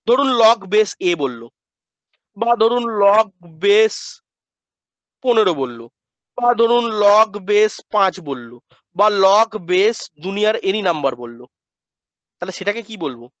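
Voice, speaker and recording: A male math teacher giving a classroom lecture, asking questions and answering them himself as if he were a student, and drilling pronunciation slowly. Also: sits high, a bit bright, no echo. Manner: asks and answers his own questions in students' voice. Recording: dull lo-fi dry sound.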